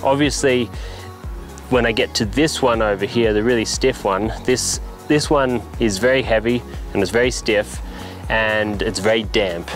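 A man's voice: lowish voice, moderate pace, faint music behind, rough recording. A young man, a ski instructor, casually reviewing skis to camera outdoors, earnest and thinking aloud as he goes. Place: outdoors on a grassy mountain slope by a wooden chalet.

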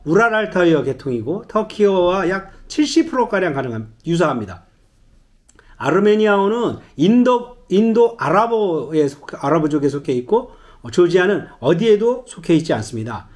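Lively high-voiced man teaching phrases. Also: normal speed. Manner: chatty storytelling with many fillers, acts out dialogue. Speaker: travel guide teaching phrases. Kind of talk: casual spoken language lesson.

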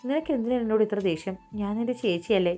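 A woman voicing a gentle, timid young wife who pleads softly and stammers, with faint music behind. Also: medium pitch, lively intonation, quick pace, lightly acted. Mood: pleading.

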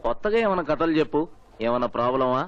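A man's voice: medium pitch, expressive, quick pace, dry recording, natural voice. A man playing a brash drunk train passenger. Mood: teasing. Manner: slurring, bossy, mocking. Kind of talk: Telugu film comedy acting. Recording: dull lo-fi film audio with music.

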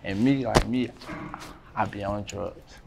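A man's voice: on the low side, measured pace, creaky, background noise. Young man, laid-back slangy talk. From North Carolina, USA. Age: 20s. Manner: relaxed slangy talk, many fillers. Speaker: rapper, interview guest. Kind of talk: casual interview talk. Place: indoors by a brick wall.

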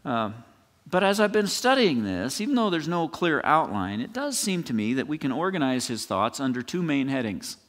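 A man preaching an expository sermon as pastor, conversational and animated, often restarting phrases and checking in with the congregation. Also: on the high side, moderate pace, big-room sound.

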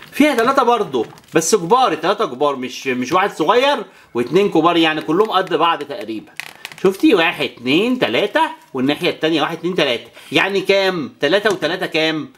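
With a lowish, sing-song voice and a racing pace, a toy channel presenter with an Egyptian Arabic accent plays alongside a child and talks to viewers. She counts out loud and adds whooshing sound effects, with slight background noise behind her.

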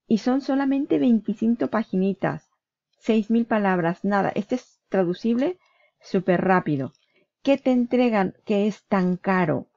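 A woman's voice: medium pitch, gravelly, mellow, no room sound, dull audio. A woman walking through her computer screen in a casual, chatty way, often checking in with her viewer and correcting herself mid-word. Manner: chatty, self-correcting, asks ¿vale? often. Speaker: online business vlogger. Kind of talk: casual screen-share walkthrough.

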